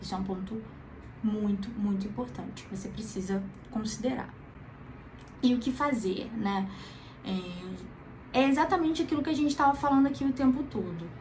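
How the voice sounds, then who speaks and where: A woman teaching psychology in a casual, conversational lesson, calm and reassuring, often checking in with the listener. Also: medium pitch, normal speed, slight background noise, low-quality recording. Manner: conversational, frequent tag questions, calm reassuring. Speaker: psychology educator.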